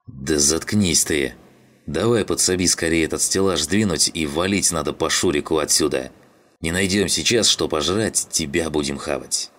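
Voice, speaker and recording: A man voicing a gruff, bossy male scavenger leader who swears and barks orders. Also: rumbling low, moderate pace, fairly bright tone. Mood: angry, disgusted. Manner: rough, swearing, barking orders.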